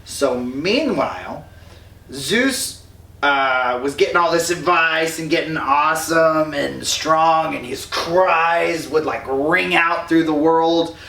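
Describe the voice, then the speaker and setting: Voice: medium pitch, takes it slowly, vocal fry, bright, forceful tone. Tipsy rambling slangy storyteller. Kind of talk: drunken comic myth retelling. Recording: roomy echo, distant mic.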